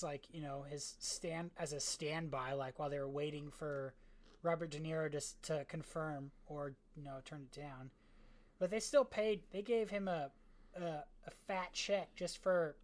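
A woman co-hosting a casual podcast, chatty and quick to find things funny. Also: on the low side. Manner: amused, quick to laugh, chatty. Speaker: podcast co-host. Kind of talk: casual movie chat.

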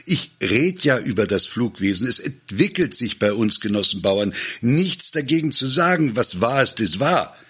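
A man's voice: on the low side, sing-song, measured pace, sharp tone, slightly rough, exaggerated voice. A man voicing a boastful, clumsy male village guard who rambles through a speech to farmers. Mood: blustering. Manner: pompous, rambling, flustered.

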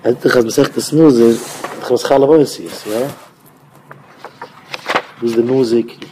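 A man, a rabbi, giving an informal Torah talk in a rambling, conversational way with sudden louder bursts. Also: mid-range voice, fairly even intonation, moderate pace, slight background noise.

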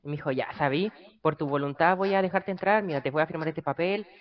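A young man with a Chilean accent telling a story in casual chat with friends, acting out the dialogue in lively voices. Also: a little high, fast, muffled recording. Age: young adult. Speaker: podcast guest.

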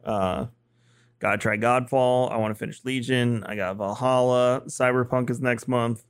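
Podcast dude chatting about games, rambly, laughs a lot, dry close mic. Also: male voice, medium pitch, fairly even intonation, normal speed, smooth, dry recording. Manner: rambling, many restarts, laughs often. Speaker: podcast co-host. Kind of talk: casual chat.

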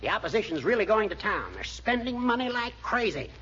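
An old judge who needles and bickers like an elderly spouse. The voice is high, sharp and lively, in 1940s radio comedy style on a muffled recording. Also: male voice, a little fast, husky, exaggerated voice. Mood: nagging, sarcastic. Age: older. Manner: dry, teasing, bickering like an old couple. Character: crafty, needling old judge, grumbling friend and rival.

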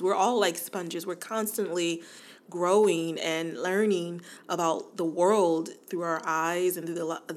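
Casting: woman, 40s, podcast host, warm chatty delivery, slightly low voice, laughs easily. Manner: chatty, laughs often, addresses listeners as y'all. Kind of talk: casual podcast monologue.

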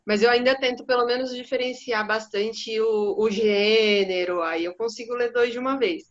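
Woman on a podcast, kinda high voice, muffled audio, quick self-deprecating talk. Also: fairly even intonation. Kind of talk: casual podcast chat. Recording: slightly dull, muffled sound.

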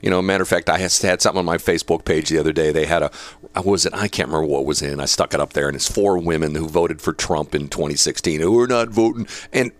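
Low-voiced and quick, a man hosts a talk show, reading out news quotes with chatty, opinionated asides. Laughter breaks up his points in this casual talk radio commentary.

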